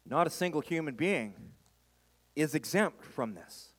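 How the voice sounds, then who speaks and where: A reverberant hall carries the voice of a male pastor giving a sermon. His voice sits a little high for a man. He speaks emphatically and repeats phrases for dramatic weight. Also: expressive, measured pace, a bit bright. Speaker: pastor preaching to a church.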